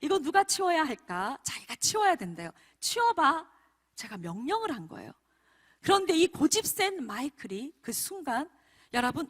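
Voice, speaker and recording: A woman missionary preaching a sermon, telling a personal story in an animated way and often turning to address the congregation directly. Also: fairly high pitch, slightly rough. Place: church prayer meeting.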